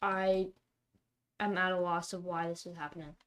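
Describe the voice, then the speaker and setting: A woman's voice: lowish voice, steady tone, normal speed, fairly bright tone. Woman playing cards online, muttering to herself, keeps getting fed up w her luck. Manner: talks to herself, exasperated outbursts over bad luck. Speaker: streamer playing a card game. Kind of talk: live gameplay commentary.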